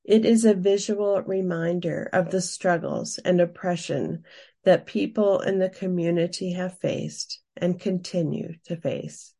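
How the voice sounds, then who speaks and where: A woman narrates explanatory material from a script at a slow, deliberate pace. Her voice is soft and breathy, sitting a little low, with measured phrasing. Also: fairly even intonation.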